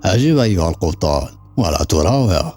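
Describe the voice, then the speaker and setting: A stern older woman speaks with firm authority in a storybook reading, as a man puts her on. The voice is low and moves lively in pitch. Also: quick pace, soft background music.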